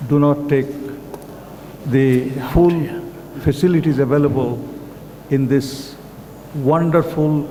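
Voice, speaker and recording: Older Bangladeshi-accented male speaker, measured formal address, mellow tone, echoey hall. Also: on the high side, steady tone. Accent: Bangladeshi English. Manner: slow, deliberate, halting delivery with pauses. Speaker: conference speaker. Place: conference hall. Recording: echoey hall with faint background noise.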